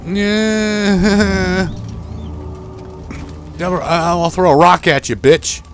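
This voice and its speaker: A man's voice: high-pitched, fairly even intonation, very slow, slight background noise. A young man commentating a horror game he is playing, swearing often and yelping in panic when monsters appear. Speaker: game streamer.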